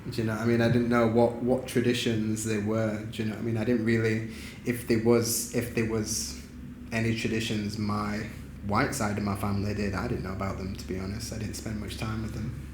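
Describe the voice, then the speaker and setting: Talking a little fast with hardly any pauses, a Huddersfield man with a lowish voice rambles easily as a photographer guest in an interview, leaning on fillers and the phrase "do you know what I mean". The studio room is echoey, and background noise is clearly audible.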